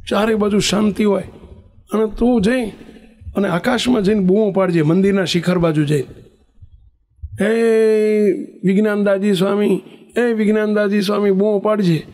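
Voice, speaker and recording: A man telling a story in a sermon, acting out the characters' calls. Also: high voice. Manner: animated storyteller, acts out shouting characters. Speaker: preacher.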